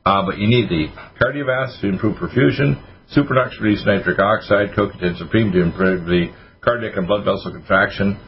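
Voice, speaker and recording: Fast-talking man on radio with lo-fi sound. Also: fairly low pitch. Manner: rapid, hyper delivery. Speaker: radio show host, doctor giving health advice. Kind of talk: casual radio call-in talk. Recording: dull lo-fi radio audio with faint hiss.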